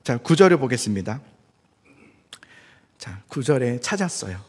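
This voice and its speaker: Animated husky-voiced male pastor preaching. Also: medium pitch, a little slow. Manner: animated, acts out quoted speech. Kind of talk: sermon. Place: church sanctuary. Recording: church hall reverb.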